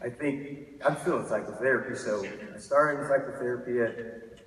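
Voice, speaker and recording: A Texan man in his fifties delivers a frank, self-mocking keynote, frequently starting his sentences over. His voice is medium-pitched and fairly bright, at a moderate pace. It's recorded from a distance in an echoey hall.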